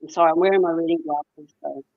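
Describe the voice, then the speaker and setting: A woman's voice: low voice, steady tone, fast. Apologetic Australian woman, dull lo-fi sound. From Sydney. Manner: apologetic, a bit unsure. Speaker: guest. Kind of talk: casual group chat on a live stream.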